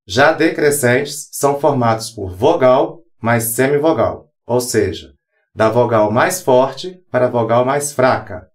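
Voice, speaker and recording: A man giving a scripted grammar lesson, spelling out example words letter by letter in a slow, deliberate manner. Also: medium pitch. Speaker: teacher.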